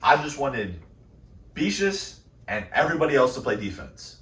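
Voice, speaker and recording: A man co-hosting a casual reaction chat, excitable and laughing as he tells stories. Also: medium pitch, moderate pace. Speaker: co-host. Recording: echoey room, distant mic, music behind.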